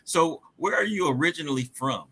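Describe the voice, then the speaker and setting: A man's voice: on the high side, lively intonation, fairly quick, bright, forceful tone, breathy edge. A man hosting a podcast, asking questions in a friendly, rambling way with many uhs and restarts. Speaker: podcast host. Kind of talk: casual interview.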